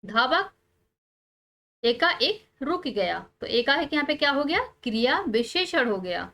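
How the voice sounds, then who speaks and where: A woman teacher, calmly explaining textbook answers step by step and pausing on key words. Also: high voice.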